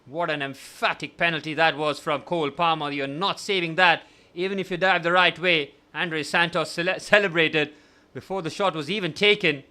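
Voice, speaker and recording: A young man hosting a live watchalong, giving partisan match commentary that swings from glum musing to excited shouting. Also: a little high, moderate pace. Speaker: watchalong host.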